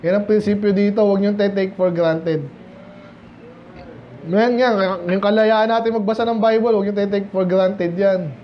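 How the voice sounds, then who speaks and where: A male pastor with a Filipino accent, teaching verse by verse in a midweek Bible study, reading King James verses slowly and explaining them in mixed Tagalog and English. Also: sits high, steady tone, lo-fi sound, a little hiss or hum. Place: church sanctuary, indoors.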